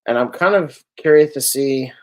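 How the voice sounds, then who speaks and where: Here a podcast co-host looks over collectible figures at a moderate pace, his voice mid-range. The talk is loose and casual, packed with ums and likes, and he keeps rambling and correcting himself.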